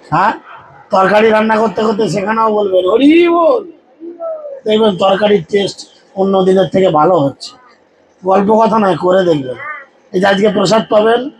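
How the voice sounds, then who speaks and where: High-voiced man preaching a devotional sermon. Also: slight background noise, poor audio. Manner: exhorting, humorous, leads crowd in loud chants.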